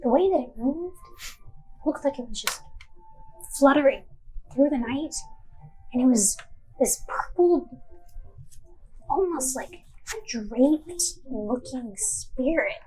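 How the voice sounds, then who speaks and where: A woman playing a semi-retired old man who spins his tales in a rambling, confiding way, his voice pitched a little high. He talks like a villager whose storytelling is part of a tabletop game. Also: lively intonation, takes it slowly, pauses often, a little mellow, faint music behind, poor audio. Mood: uneasy, confiding.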